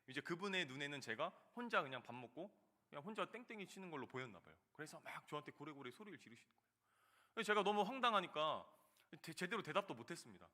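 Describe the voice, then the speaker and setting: Animated bright-voiced Korean preacher. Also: male voice, fairly high pitch. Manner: storytelling, swings between loud emphasis and soft asides. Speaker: junior pastor. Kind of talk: sermon. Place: church sanctuary.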